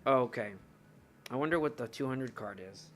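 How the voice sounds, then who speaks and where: A man's voice: mid-range voice, normal speed, fairly bright tone, slight background noise. A young man streaming live, chatting casually and rambling to his viewers while he looks through his cards. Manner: rambling, chatty, talks to chat while browsing.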